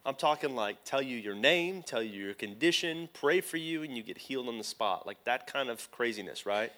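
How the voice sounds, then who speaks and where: A man's voice: medium pitch, expressive, normal speed, pushed and bright. A male pastor teaching a sermon, often putting questions to the congregation.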